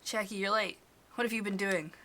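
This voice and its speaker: Brusque man, brisk questions, bright tone, woman voicing. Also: medium pitch, fairly even intonation, slight background noise, voice pushed up, natural voice. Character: brusque man checking on a late colleague.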